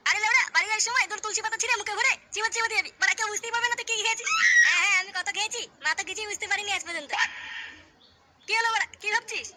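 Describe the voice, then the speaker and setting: A performer voicing a cocky, foul-mouthed village boy in a cartoon, with a sped-up high-pitched voice and constant swearing. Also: very fast, heavy background noise. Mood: coaxing. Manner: swears constantly, coaxing and teasing.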